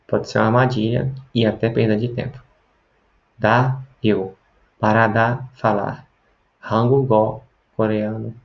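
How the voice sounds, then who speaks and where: Gravelly low-voiced man teaching. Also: a little mellow, muffled recording. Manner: explanatory, with frequent tag questions. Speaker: language teacher. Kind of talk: video lesson.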